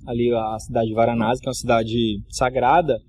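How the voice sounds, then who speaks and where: A man's voice: mid-range voice, level tone, brisk, darkish tone. A middle-aged man, a guest on a podcast, tells a travel anecdote in a loose, slangy way and laughs often. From Mato Grosso, Brazil. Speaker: podcast guest, actor and comedian. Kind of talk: casual storytelling chat.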